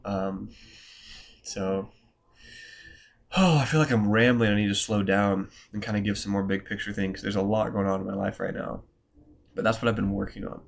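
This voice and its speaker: Gravelly-voiced man with a stuffy nose. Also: lowish voice, fairly even intonation, normal speed, pauses often, a little hiss or hum. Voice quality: nasal from a cold. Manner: loose, rambling, slangy talk with many fillers. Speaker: photographer vlogger. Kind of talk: casual rambling vlog.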